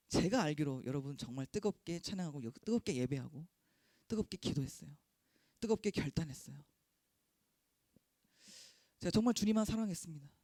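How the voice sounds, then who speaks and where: A young man preaching as a youth pastor, with earnest, repetitive phrasing that swings between hushed and loud. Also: a little high, no echo, studio quality. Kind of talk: sermon.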